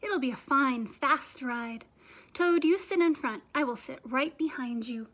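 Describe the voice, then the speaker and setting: A woman reading aloud and voicing Frog, an eager, cheerful male frog who coaxes his friend outdoors, in a loud, bright storybook delivery. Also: high-pitched, unhurried.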